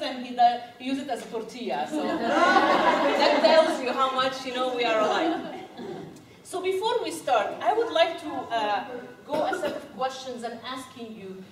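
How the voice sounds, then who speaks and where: A woman from Egypt leading a live goal-setting workshop at a conference, chatty and laughing, asking the audience questions. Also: sits high. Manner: lively, laughing, quizzes the audience. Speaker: workshop speaker. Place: conference room. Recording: echoey room, recorded from far.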